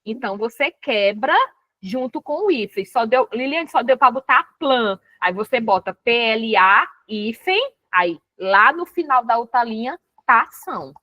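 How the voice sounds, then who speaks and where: Brazilian woman teacher, kinda high voice, explains step by step and keeps asking if you got it, dry close sound. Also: animated, a little slow, sharp tone, no echo. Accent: Brazilian Portuguese. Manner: explains step by step, often checking with "tá certo?" and "né?". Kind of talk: recorded writing lesson.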